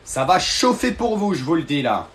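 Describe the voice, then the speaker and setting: A hot-headed, bossy boss, as a man puts him on, barking the same orders over and over in a comedic live-stream rant. The voice sits fairly high and pushes hard and loud. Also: sing-song, moderate pace. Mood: angry scolding. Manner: repetitive, threatening, commanding. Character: bossy, short-tempered male boss scolding followers.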